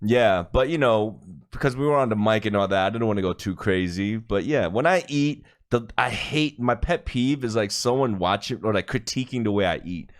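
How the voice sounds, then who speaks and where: A man's voice: fairly low pitch, moderate pace, hardly any pauses. A man co-hosting a casual podcast, talking loosely with lots of "you know"s and laughs. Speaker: podcast co-host. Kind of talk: casual chat.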